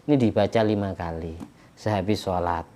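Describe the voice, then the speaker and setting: A man's voice: deep voice, normal speed, mellow. A man, an Islamic preacher, explaining worship practice plainly and chanting verses in Arabic during a religious study lecture.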